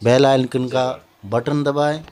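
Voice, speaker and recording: Slow, measured man presenting a school. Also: medium pitch, fairly even intonation, darkish tone, a little hiss or hum. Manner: measured and slow, mixes English words into formal speech. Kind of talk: slow formal talk to camera.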